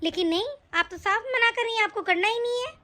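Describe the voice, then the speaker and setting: High-pitched young bahu in a cartoon story, firm, lecturing her sister-in-law, a woman does it. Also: quick pace, a crowd in the background. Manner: firm, lecturing, matter-of-fact. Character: pregnant, hard-working younger daughter-in-law. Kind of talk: cartoon voice acting.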